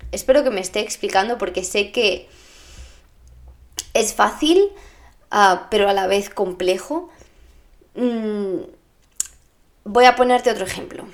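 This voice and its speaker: A woman giving a reflective talk on communication, explaining through questions and everyday examples. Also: mid-range voice. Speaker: speaker on relationships and communication.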